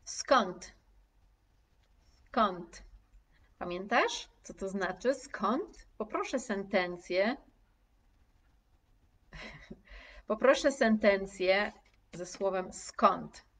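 A woman teaching a live online lesson, speaking slowly and clearly, repeating each word for her students and reading their comments aloud. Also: medium pitch, expressive, distant mic. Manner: slow, carefully articulated, repeating words for students. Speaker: language teacher.

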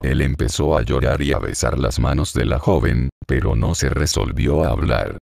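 Very deep, gravelly man narrating a novel. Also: normal speed, a little mellow, no room sound, clean studio sound. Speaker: audiobook narrator. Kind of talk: scripted narration.

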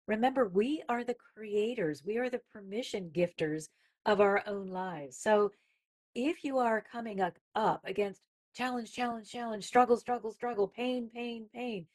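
A woman's voice: a little high, normal speed, a little mellow. A woman guest speaking on a podcast about gratitude, emphatic and repeating words for stress. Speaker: guest, spiritual healer. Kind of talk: inspirational podcast talk.

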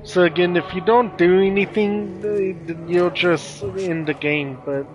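A man's voice: sits high, fairly even intonation, a little slow, highs cut off, a little hiss or hum. A man casually commenting while playing a video game, rambling and snacking as he talks. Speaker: streamer.

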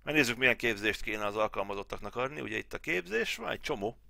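Recorded at studio quality with no room sound, this man's medium-pitched voice is gravelly, bright and forceful, with lively intonation. He's a gaming channel host from Hungary in his thirties, talking through a farm game tutorial at home in a chatty way, thinking aloud and muttering.

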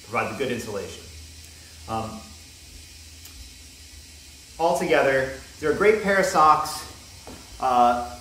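A young man with a mid-range voice gives a casual product review, relaxed but full of ums and restarts. He's in a bare indoor room with a wooden floor, recorded on a camera mic first near and then from a distance, so the sound is echoey with a faint hiss.

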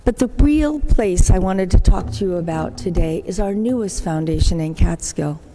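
With a lowish voice and lively intonation, this older nun talks at a moderate pace, appealing to the congregation at Mass. She tells warm, anecdotal stories about what her community does and acts out the people she quotes. The sound echoes as it would in a big church hall.

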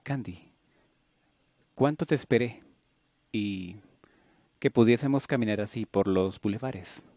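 A man reading an audiobook, voicing a proud, wry young male actor in a low, even voice. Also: a little slow, no room sound. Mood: warm. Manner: dry, wry, guarded.

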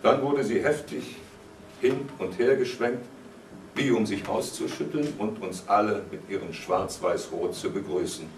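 A man giving a live literary reading with expressive narration. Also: on the low side, unhurried, slight background noise. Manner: expressive narration with lively shifts. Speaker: reader. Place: cinema hall, live reading. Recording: roomy hall, mic far off.

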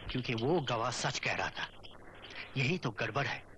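A man's voice: medium pitch, expressive, moderate pace, sharp tone, dull audio, slight background noise. An actor playing an earnest, principled young male lawyer who speaks firmly and defiantly, in 1980s film drama dialogue. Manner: earnest, firm, declaiming.

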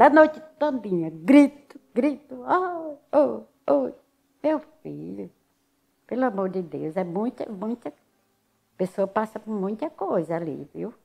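An older woman with a Northeastern Brazilian accent from Alagoas recounts her experiences in a relaxed interview. Her voice sits low and sounds dark and gravelly. She tells her story lively and acts out other people's words, with faint music playing underneath.

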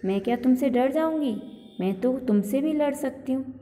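एक महिला शेखीबाज़ मादा मक्खी की आवाज़ करती है, जो चिढ़ाते हुए ताने मारती है।. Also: female voice, high-pitched, expressive, moderate pace, mellow. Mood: taunting. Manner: taunting, mocking. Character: boastful cheeky female fly. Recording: echoey hall reverb.

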